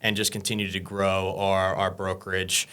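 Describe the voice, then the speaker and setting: A young man from Pennsylvania speaks as a podcast guest in a small studio. His voice is fairly low. He answers in an easygoing, modest way, with a few filler pauses. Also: little pitch movement, pushed and bright, clean tone. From Pennsylvania, USA. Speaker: real estate broker, podcast guest. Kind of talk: casual interview chat.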